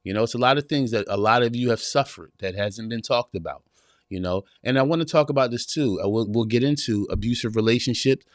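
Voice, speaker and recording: A man's voice: mid-range voice, brisk, no echo, studio quality. A man in his forties hosting a live podcast stream from a small home room, speaking in a preacher-like rhythm, repeating phrases and greeting viewers. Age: 40s. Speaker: podcast host.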